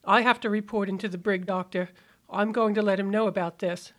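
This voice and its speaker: A woman's voice: mid-range voice, fairly even intonation, brisk, very noisy, close to an everyday voice. A woman voicing a loyal, blunt male army sergeant, plain-spoken and dutiful, in an audio drama. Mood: indignant.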